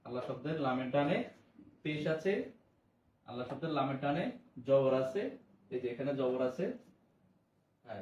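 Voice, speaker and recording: A man teaching an online Quran lesson, explaining patiently and chanting words slowly. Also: mid-range voice, a little mellow, slight background noise. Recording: echoey room, voice from a distance.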